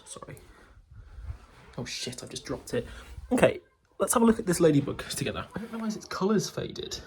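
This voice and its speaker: A man in his twenties with a slightly high voice vlogs casually into a handheld phone, rambling and restarting sentences as he moves through his grandparents' house and garden. Background noise is present.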